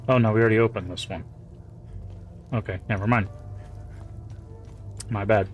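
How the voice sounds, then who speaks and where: Low-voiced man streaming a game. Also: normal speed, soft background music. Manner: relaxed, chatty, mumbles asides. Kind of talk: casual live-stream commentary.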